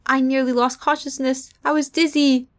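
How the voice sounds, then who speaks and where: A young woman streaming a visual novel, reading its text aloud in an animated, giggly way and swearing freely. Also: high voice, normal speed.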